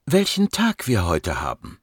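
A man's voice: on the low side, wildly swooping pitch, a little slow, breathy edge, no echo, studio quality, heavily acted. A man reading a patient, composed female psychiatrist in her fifties, raising his voice to play her. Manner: patient, firm, soothing.

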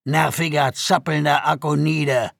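A man voicing a huge, brutish male alien guard in an audiobook, loud, mocking and threatening. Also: fairly high pitch, level tone, a little slow, creaky, dry recording, studio quality, exaggerated voice. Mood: sneering.

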